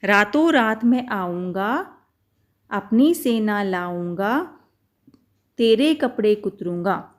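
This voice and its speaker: A woman voicing a cheeky, stubborn little male mouse in a children's storybook reading, making loud demands and chanting singsong threats. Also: medium pitch, animated, measured pace, close to an everyday voice.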